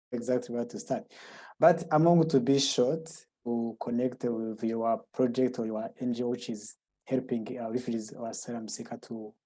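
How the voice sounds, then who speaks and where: Mellow, dark-voiced man with a Burundian accent. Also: mid-range voice, poor audio. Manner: halting, informal, non-native English phrasing. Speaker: guest speaker presenting at a conference. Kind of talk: informal presentation.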